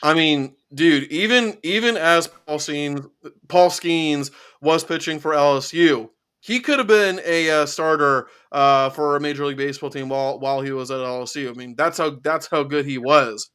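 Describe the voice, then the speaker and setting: A man's voice: fairly high pitch, normal speed, a bit bright, smooth. A man co-hosting a sports talk show, casual and agreeable, with many fillers. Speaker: podcast co-host.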